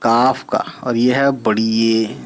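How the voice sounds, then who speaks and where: A man's voice: mid-range voice, level tone. A man teaching an Urdu reading lesson, patiently spelling out letters and checking in with his learners. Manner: patient, spells letters out slowly, often asks "right?".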